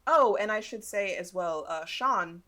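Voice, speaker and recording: A woman's voice: mid-range voice, animated, a little slow, bright, forceful tone. A young woman co-hosting a podcast, casually recapping a movie, laughing often and acting out quotes. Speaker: podcast co-host. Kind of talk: casual chat recapping a film.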